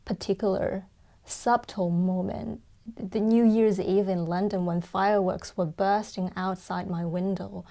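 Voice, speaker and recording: A woman's voice: mid-range voice, dark tone. A young woman from China, a guzheng performer, answering interview questions thoughtfully with frequent ums.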